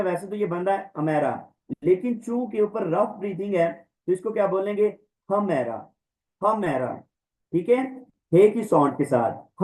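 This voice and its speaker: A man teaching a Greek language class online, repeating each word slowly and carefully for the students. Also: high-pitched, mellow, rough recording. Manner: slow, drawn-out word-by-word pronunciation drills. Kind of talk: online lecture. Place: online class, voice over slides.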